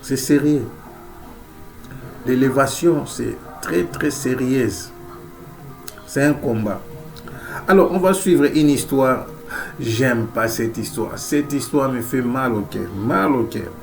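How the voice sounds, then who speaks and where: Slow and gravelly, with frequent pauses, a man's darkish mid-range voice delivers a sermon in a Central African French accent. He has a head cold, yet stays emphatic, repeating key phrases and calling amen and alleluia again and again. Faint music plays in the background.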